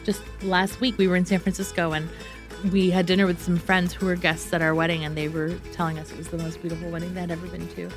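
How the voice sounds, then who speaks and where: Earnest woman with a low voice. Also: flat delivery, music in the background. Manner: reflective and earnest, measured. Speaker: interview guest. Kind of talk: personal storytelling.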